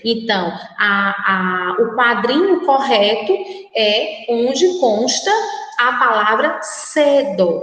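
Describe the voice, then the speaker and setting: A woman teacher with a Brazilian Portuguese accent, giving a recorded lesson to children and speaking slowly and carefully, repeating words for them to say aloud. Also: a little high, a bit bright. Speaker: primary school teacher. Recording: very echoey room with long reverb.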